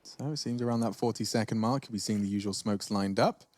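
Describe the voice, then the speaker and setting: A man's voice: lowish voice, quick pace, a little mellow. A man doing live commentary on an esports match in the manner of a caster.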